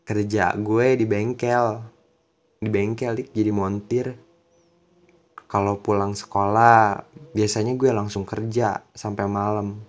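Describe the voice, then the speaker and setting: Guy doing a cool blunt schoolboy, lowish voice, gruff but kinda soft. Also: flat delivery, takes it slowly, long pauses. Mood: plain. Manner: gruff then coaxing, slangy.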